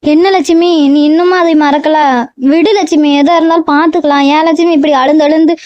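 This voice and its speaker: A woman playing a calm older sister who soothes and reassures, on a dull, dry recording. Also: high-pitched, a little fast, no echo, natural voice. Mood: soothing.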